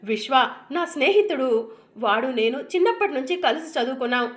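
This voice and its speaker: A wronged young wife, bitter and accusing, speaking in a high voice, as a woman narrator reads her lines. She presses her husband with question after question and ends them with "sir". The part is told as a dramatic story recap. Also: expressive, fast. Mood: tearful, reproachful. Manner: reproachful questions ending in "sir".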